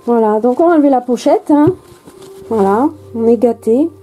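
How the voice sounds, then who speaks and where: A woman's voice: on the high side, moderate pace, warm tone, rough recording. A woman from France chatting casually and hesitantly while unboxing a card deck, with many fillers and restarts. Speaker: tarot and oracle card vlogger.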